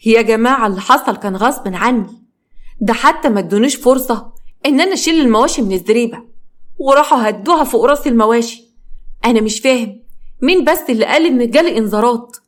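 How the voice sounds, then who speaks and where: A woman's voice: on the high side, fast talker, close to an everyday voice. A woman voicing a poor village father pleading with his creditors, in an Egyptian accent. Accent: Egyptian Arabic. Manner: pleading, anguished. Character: desperate poor middle-aged village father.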